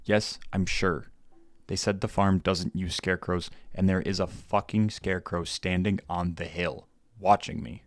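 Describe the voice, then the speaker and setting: A frightened young woman pleads tensely to be believed, read by a man in his own deep voice. Her lines stay low and close, in a dry, deadened studio sound. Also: steady tone, measured pace, no echo. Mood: insistent. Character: anxious young woman farm-sitter, frightened, insistent.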